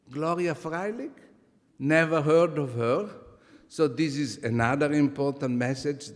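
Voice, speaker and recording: A man in his seventies with an Italian accent, giving a conference talk with lively, humorous asides and halting restarts. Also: medium pitch. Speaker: conference speaker. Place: large conference hall. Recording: long reverb from conference hall.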